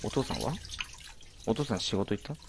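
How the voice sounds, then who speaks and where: A man's voice: fairly low pitch, expressive, brisk, creaky, background noise. A man commentating a horror game as he plays, jumpy, alternately exclaiming and muttering to himself. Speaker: let's play commentator.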